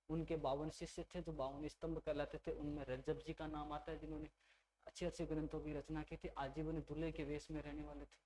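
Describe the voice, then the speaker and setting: Man, teacher, chatty exam lecture, faint hum behind. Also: a little high. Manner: conversational, repeats key names, addresses students as "bhai".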